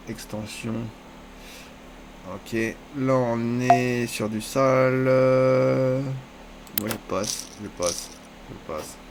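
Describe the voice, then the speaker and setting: A man giving live commentary on his own online poker game, talking to himself and the other players in crude casual slang and often breaking into high-pitched squeals. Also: noisy background.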